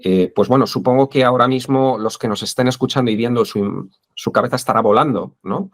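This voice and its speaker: Interviewed as an expert guest, a man with a Spain Spanish accent speaks hesitantly with many fillers. His voice is medium in pitch and a little fast.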